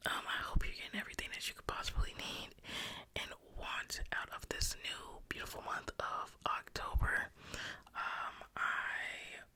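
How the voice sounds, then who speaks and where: A woman's voice: unhurried, sharp tone. A woman whispering intimately and breathily in a casual, chatty ASMR ramble. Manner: intimate, unvoiced whispering throughout. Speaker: ASMR video creator.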